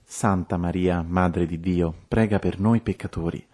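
A man reciting rosary prayers in a steady, measured, devotional way. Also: low-pitched.

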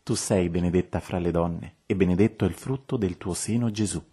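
A man with a very low, husky voice recites the rosary in steady, measured turns, his delivery calm and devotional.

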